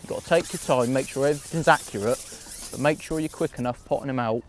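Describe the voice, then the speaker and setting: A man from England, an angler, calmly talking through bait mixing and feeding his swim outdoors on a canal bank in a practical fishing how-to. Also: mid-range voice, fast, a little hiss or hum. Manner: relaxed, practical, talks through each step. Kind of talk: instructional fishing demonstration.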